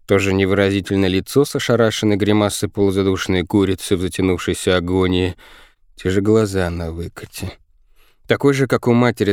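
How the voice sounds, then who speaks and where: A man with a low voice narrates a storybook in a vivid, expressive reading. The sound is dry and close, with no room around it. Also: dry recording. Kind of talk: audiobook narration.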